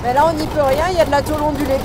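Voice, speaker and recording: A woman with a high voice talks casually as she rides along a bumpy road. Her voice breaks up into a choppy, half-robotic sound through the mic. Loud engine and road noise fill the background. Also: flat delivery, very fast. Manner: chatty, explaining as she goes. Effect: choppy, robotic-sounding mic distortion. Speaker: travel vlogger. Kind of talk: casual narration while driving. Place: inside a vehicle on a rough dirt road.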